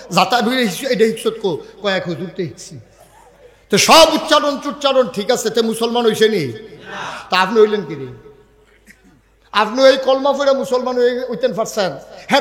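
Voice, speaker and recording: Male preacher, high voice, rustic humorous sermon, shouts and slow drawn stresses, long hall reverb.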